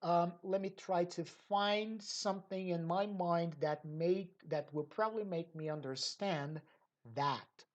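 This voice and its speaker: In a slow, lowish voice captured on lo-fi audio, a woman teacher trainer hosts an educational episode with an unscripted lecture. She stresses and repeats key points and keeps checking in with her listeners.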